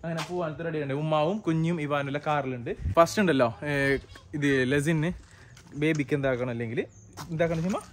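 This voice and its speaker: A man's voice: on the high side, brisk. A man hosting a casual family vlog, chatty and often breaking off to call to his children. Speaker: family vlogger. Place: at home and in the family car.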